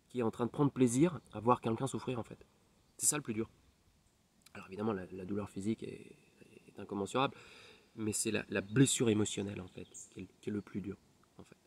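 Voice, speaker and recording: A man, a hypnotherapist, tells a personal story in French with many fillers and restarts, often dropping to a near whisper. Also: on the low side. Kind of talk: personal testimony.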